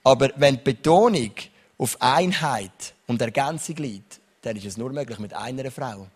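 A man's voice: medium pitch, moderate pace, breathy edge. A young man preaching a sermon as pastor, reading Bible verses and often turning to his listeners with a questioning "oder?". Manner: lively preaching, reads Bible verses, asks the crowd "oder?".

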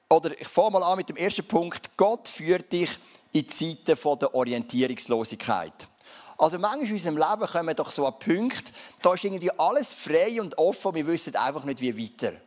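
A man with a Swiss German accent preaching a sermon in a casual, conversational way, often adding dialect fillers. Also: medium pitch. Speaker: pastor.

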